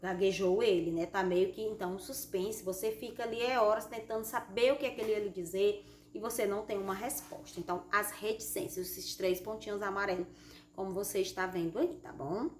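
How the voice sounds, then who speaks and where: A Brazilian primary school teacher giving a recorded lesson, explaining patiently and reading example sentences with strong expressive intonation. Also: female voice, medium pitch, brisk. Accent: Brazilian Portuguese. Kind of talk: recorded remote class lesson. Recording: echoey room with faint background noise.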